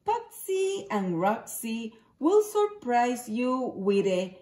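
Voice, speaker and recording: A woman's voice: fairly high pitch, big pitch swings, slow pace, mellow. A woman reading a picture book as a showy, welcoming girl circus ringmaster announcing her show. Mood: showy, excited. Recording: roomy home echo.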